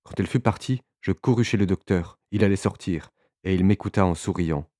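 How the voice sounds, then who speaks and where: Low-voiced man reading a classic novella. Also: warm tone, dry recording, clean studio sound. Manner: measured, occasional hesitations. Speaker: audiobook narrator. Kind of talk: scripted literary narration.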